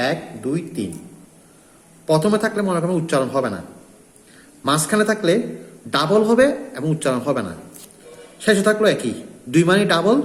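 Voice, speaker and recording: A man teaching a recorded lesson with a Bangladeshi Bengali accent, going over pronunciation rules with emphatic, repetitive explanations. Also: on the high side. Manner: repetitive, emphatic instructional delivery. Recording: echoey room with long reverb.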